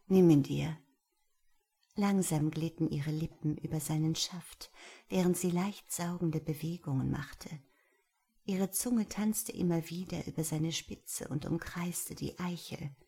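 A woman narrating an erotic audiobook in a breathy, half-whispered reading. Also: sits low, dark tone.

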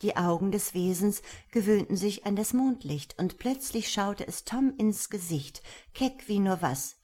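A woman reading a fairy tale aloud in an expressive, measured storytelling manner. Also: medium pitch. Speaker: narrator.

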